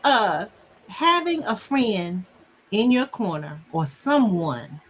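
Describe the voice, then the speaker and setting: A middle-aged woman talks about relationships in a casual, animated way, laughing often and mimicking the people she quotes. Her voice sits in an ordinary mid range. Faint noise sits behind the recording. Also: medium pitch, takes it slowly. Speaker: relationship counselor guest. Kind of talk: casual conversation.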